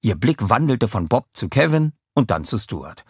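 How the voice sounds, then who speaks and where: A man narrating a children's audiobook in an expressive, lively storytelling way. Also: medium pitch, moderate pace, breathy edge, no echo, clean studio sound. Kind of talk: scripted narration.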